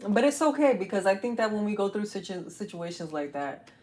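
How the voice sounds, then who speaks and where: A woman's voice: mid-range voice, big pitch swings, brisk, a little mellow. A woman giving a casual live-stream tarot reading, chatty and informal, swearing and laughing easily as she talks from her home setup. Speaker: tarot reader. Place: home setup, newly moved.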